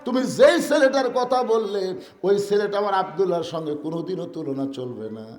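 Preacher voicing a proud old ruler. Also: male voice, high-pitched, brisk, darkish tone, long reverb tail, close to an everyday voice. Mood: pleading. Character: elderly male ruler, tender and proud father.

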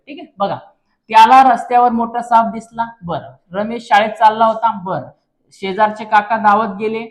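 A male teacher walking students through an exam paper, constantly asking rhetorical questions and calling viewers his friends. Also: high voice. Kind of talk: exam paper walkthrough lesson.

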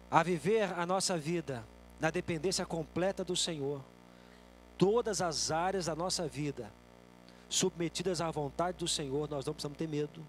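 A man preaching a sermon as guest pastor in a church, acting out quotes loudly and then dropping to a soft voice. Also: fairly high pitch. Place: church sanctuary.

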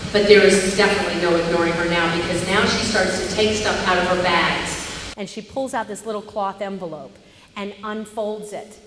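A woman telling a personal story on stage, animated, swinging from hushed narration to loud indignation. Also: mid-range voice, long reverb tail, a little hiss or hum.

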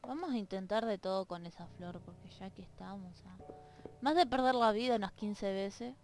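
With soft music in the background, a woman with a mid-range voice speaks at a moderate pace while playing a game. She reads its lines in silly voices and chats playfully to the characters as a let's play gamer, in a home room with dogs nearby.

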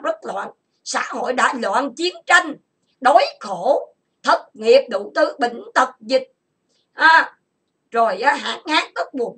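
Angry woman from vietnam hosting a chat room, shrill sharp voice, yelling insults nonstop. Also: slightly rough. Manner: furious, insulting, listing grievances in rapid bursts. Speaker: online chat room host. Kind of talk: angry ranting monologue.

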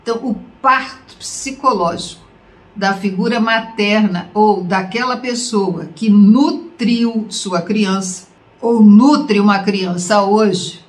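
A woman's voice: medium pitch, slow. A Brazilian woman giving a spoken lesson, talking straight to the listener in a conversational way and asking rhetorical questions. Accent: Brazilian Portuguese. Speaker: online course teacher. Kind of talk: spoken lecture to camera. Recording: roomy echo.

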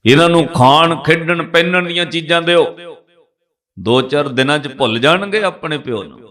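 A man voicing a cruel, mocking male Mughal governor in a told story, loud and scornful. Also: a little high, moderate pace, voice pushed up, close to an everyday voice.

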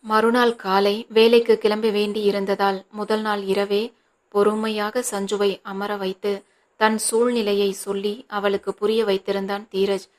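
A woman narrating a novel in a steady, measured reading voice. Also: mid-range voice. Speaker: audiobook narrator.

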